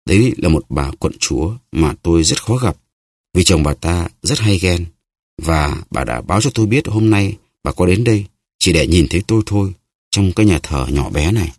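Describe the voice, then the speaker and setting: A man's voice: deep voice, lively intonation, moderate pace, darkish tone, no room sound, clean studio sound. A man voicing a vain, boastful musketeer who talks in a haughty, self-pitying way.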